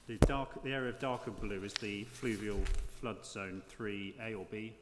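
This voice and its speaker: A man's voice: lowish voice, normal speed. A man chairing a formal public hearing, putting questions in a hesitant, repetitive way. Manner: hesitant, often repeating words as he phrases questions. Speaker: planning inspector chairing an inquiry. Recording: echoey hall with clear background noise.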